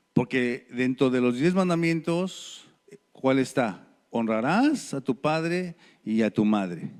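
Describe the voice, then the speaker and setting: A middle-aged man with a Mexican Spanish accent, preaching a sermon in a church, telling stories and swinging his pitch and loudness.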